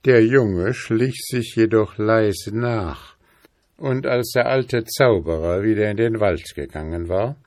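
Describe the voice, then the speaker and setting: Male narrator for fairy tales, slow and low, dry close sound. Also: no echo. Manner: calm, measured storytelling. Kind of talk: fairy-tale reading.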